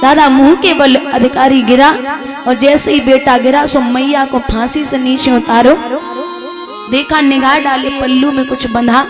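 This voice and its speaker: High-voiced woman telling a devotional tale. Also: steady tone, unhurried. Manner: emotional, addresses listeners directly. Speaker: devotional storyteller. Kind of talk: dramatic devotional storytelling with moral preaching. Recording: music playing behind.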